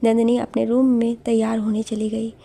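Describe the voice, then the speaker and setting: A woman storyteller narrating a family drama in a steady, even reading. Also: a little high, moderate pace, gravelly.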